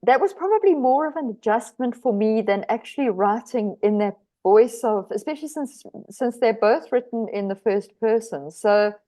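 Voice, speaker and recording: A woman's voice: a little high, expressive, normal speed, hardly any pauses, mellow. A woman from South Africa with a South African accent, an author answering podcast interview questions with lots of hesitant restarts and easy laughter. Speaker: author guest.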